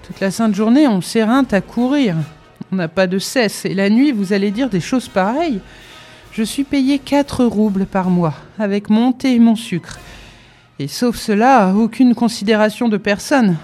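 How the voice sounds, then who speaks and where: A woman's voice: medium pitch, measured pace, warm tone, soft background music, voice pushed up, natural voice. A woman voicing a tearful, put-upon female house cook who complains plaintively. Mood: aggrieved.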